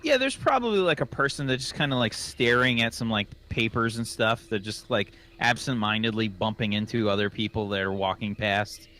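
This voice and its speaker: A man's voice: on the low side, fairly even intonation, moderate pace, few pauses, bright, forceful tone, slight background noise. A man narrating as game master of a tabletop game, loose and rambling with lots of fillers.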